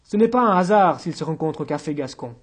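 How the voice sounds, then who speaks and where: A man narrating an audiobook in a measured, literary reading. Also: a little high, animated.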